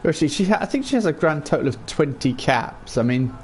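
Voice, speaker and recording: A man with a croaky voice hosts a gaming livestream in a chatty, rambling, self-deprecating way. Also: fairly high pitch, big pitch swings, quick pace, a little hiss or hum. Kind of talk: casual livestream game commentary.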